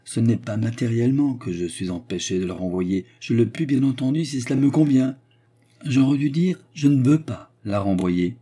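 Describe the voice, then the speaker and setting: Guy doing a soft-spoken young lady, earnest, kinda pleading, higher voice. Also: lively intonation, normal speed, slightly rough. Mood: firm. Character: gentle, earnest young woman, quietly stubborn.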